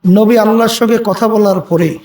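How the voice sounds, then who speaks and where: A man's voice: high-pitched, fairly even intonation, moderate pace, darkish tone. A man preaching an open-air sermon, telling a story and calling out questions for the crowd to answer, with chanted verses. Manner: chants Quranic Arabic verses. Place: outdoor religious gathering on a field. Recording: echoey public address from a distance.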